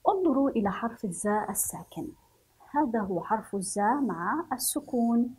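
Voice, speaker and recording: A woman from Yemen teaching a children's reading and writing lesson. She draws out each word slowly, syllable by syllable, for young pupils. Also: on the high side, big pitch swings, darkish tone, slightly rough, rough recording.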